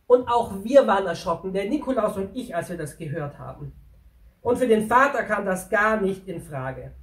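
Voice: medium pitch, recorded from a distance, natural voice. A performer voicing a friendly male pack donkey who chattily tells a story to children and speaks to them directly. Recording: roomy, from away from the mic.

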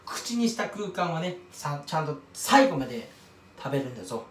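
A man's voice: a little high, big pitch swings, brisk, recorded from a distance, slight background noise. A man talking to camera in a casual rambling monologue, mocking himself and tripping over his words as he drifts from tangent to tangent. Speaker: YouTuber commenting on another creator. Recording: roomy echo, voice off-mic.

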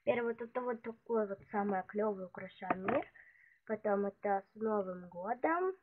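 Sitting indoors at a desk with her hands on the table, a woman vlogger shows off her stationery in a chatty, hesitant way, full of fillers. She's ill, and it affects her medium-pitched, lively voice, which moves at a moderate pace. The audio is tinny and phone-like, with loud noise.

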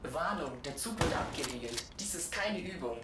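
Train loudspeaker warning voice, formal and flat, echoey and far off with loud noise behind. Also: male voice, a little high, normal speed. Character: automated male train security announcer, calm. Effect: train loudspeaker announcement. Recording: echoey, noisy, distant loudspeaker.

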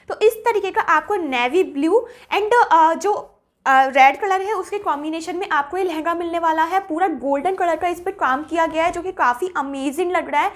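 A young woman with a very high, light voice talks through a clothing haul. She is chatty and keen on prices, slipping English words into her sentences. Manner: chatty, mixes English words into Hindi, enthusiastic about prices. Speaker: fashion haul vlogger. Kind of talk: casual product review.

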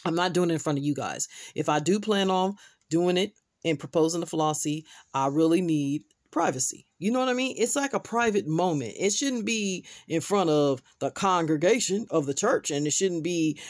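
A woman voicing a male church reverend in a doll play role-play, talking slowly and hedging with lots of "you know.". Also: on the low side, lively intonation, no room sound, clean studio sound, close to an everyday voice. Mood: defensive.

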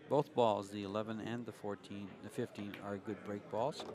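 A man giving live pool commentary, calmly explaining shots in detail. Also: lowish voice, moderate pace.

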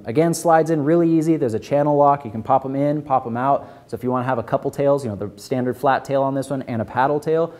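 A young man with a mid-range, dark-toned voice shows off new fishing tackle in an upbeat sales pitch, quick and full of filler words. He's presenting in an indoor tackle store aisle lined with a wall of lures, wearing a lapel mic.

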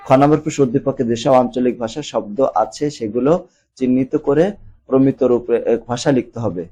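A man's voice: mid-range voice, warm tone, husky. A young man from Bangladesh teaching an exam-prep lesson, talking conversationally and checking in with his students as he goes.

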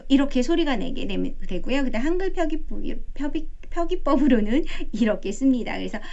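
Woman teacher, phonics lesson, slow repeated letter sounds, fairly high voice, dull lo-fi recording. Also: very animated, creaky, a little mellow. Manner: demonstrates letter sounds slowly, repeating them. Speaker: English teacher.

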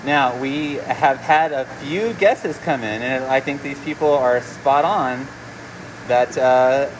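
A man's voice: medium pitch, slow. A man co-hosting a casual educational live talk, his voice muffled as he speaks through a face mask. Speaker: co-host relaying viewers' guesses. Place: noisy indoor aquarium work room. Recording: noisy pump-filled room hum.

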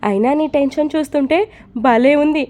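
A woman's voice: high voice, moderate pace, darkish tone, natural voice. A woman voicing a mischievous young husband. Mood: teasing. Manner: playful, teasing.

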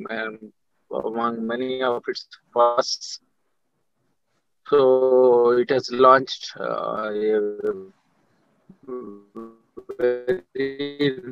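Indian man, middle-aged, mid-pitched, halting panelist over a muffled video call. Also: no echo. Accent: Indian English. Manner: halting, many fillers and restarts. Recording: dull, dry video call audio.

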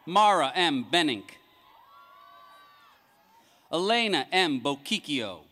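A man reading graduates' names one by one at an outdoor commencement, in a measured, formal announcing cadence over a public address system. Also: a little high, sing-song, sharp tone, some chatter behind, a little hiss or hum. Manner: measured, announcing each name with a rising then falling cadence. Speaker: commencement name reader. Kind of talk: formal ceremonial name reading. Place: large outdoor graduation ceremony.

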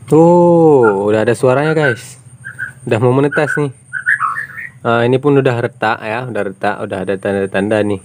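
A man casually narrating for viewers as he checks a bird's nest, speaking low-key and calling the audience "bos" and "guys". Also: steady tone, fast talker, noisy background. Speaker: bird-keeping vlogger.

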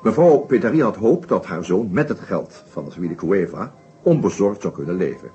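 In a Dutch radio play, a deep-voiced actor plays a shrewd, methodical male detective inspector who sums up a murder case, assured and revealing. His soft-edged, animated voice rises and falls and pauses deliberately over small hesitations. Soft music plays behind him, and the old recording sounds dull.

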